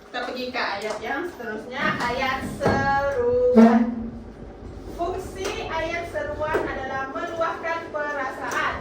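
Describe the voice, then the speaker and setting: A woman's voice: high voice, measured pace, far from the mic, loud music behind the voice. A young woman playing a teacher in a classroom role-play, with a bossy, scolding manner. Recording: echoey classroom with background noise, from afar.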